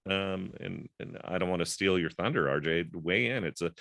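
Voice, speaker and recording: Low, bright-voiced man musing aloud. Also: moderate pace, gravelly, dry recording, clean studio sound. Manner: rambling, thinks aloud with many fillers. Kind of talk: casual group discussion. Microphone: video call.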